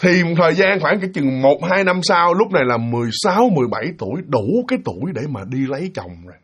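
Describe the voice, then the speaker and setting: A man telling a ghost story in casual spoken narration, animated and acting out the quoted voices. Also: a little high, fast, husky. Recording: dull lo-fi recording.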